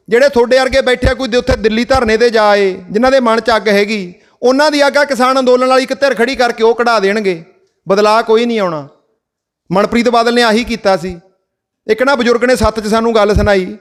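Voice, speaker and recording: A man with a Malwa Punjabi accent addresses a village gathering in a very high, smooth voice. He keeps asking the crowd rhetorical questions and drives his points home through folk parables. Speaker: activist speaker.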